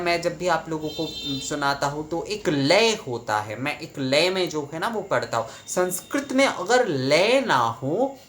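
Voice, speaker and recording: A man's voice: mid-range voice, a little hiss or hum. Man explaining mantra pronunciation. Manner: conversational, repeats phrases, chants Sanskrit lines in a steady rhythm.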